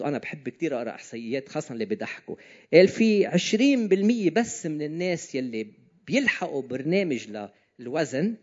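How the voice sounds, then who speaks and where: Man, Lebanese Levantine Arabic accent, somewhat high voice, informal preaching, rhetorical questions, muffled lo-fi recording. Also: a little mellow. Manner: conversational, often asking listeners questions. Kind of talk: informal sermon to a congregation. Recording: slightly dull, lo-fi sound.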